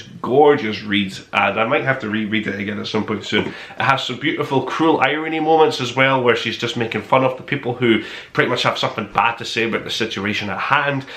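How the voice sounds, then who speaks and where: In a large, echoey indoor space, a man hosts a book review podcast with a bright, forward voice at a middling pitch. Enthusiastic and effusive, he talks in a rambling, conversational way as if speaking directly to the viewer.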